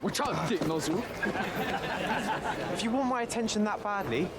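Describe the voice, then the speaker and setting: A man's voice: high-pitched, animated, moderate pace, a loud crowd. A man playing a mocking, cocky teenager in a TV drama. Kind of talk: naturalistic TV drama acting. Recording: very noisy crowded outdoor ambience.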